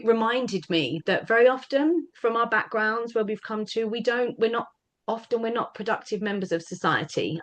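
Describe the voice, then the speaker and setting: A woman's voice: mid-range voice, a bit bright. Earnest woman sharing hard-won experience. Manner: earnest, emphatic, repeats phrases. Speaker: parent speaking about lived experience. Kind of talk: personal testimony at a panel.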